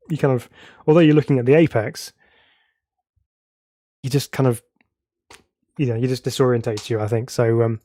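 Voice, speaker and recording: In a dry recording, a man with a cold-blocked nose provides chatty, self-amused live commentary as he drives a racing sim and reads viewer comments out loud. His voice is medium-pitched and a little mellow.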